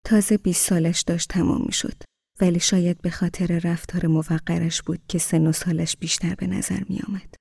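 Brief: a woman reading a novel, soft and wistful, low and husky. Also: dry recording, clean studio sound. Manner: soft, half-whispered and wistful. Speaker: audiobook narrator. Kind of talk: audiobook narration of a novel.

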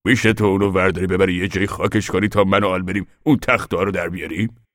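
A man voicing a steady, weary middle-aged farmer father who talks plainly and with hesitation. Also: sits low, no room sound, clean studio sound.

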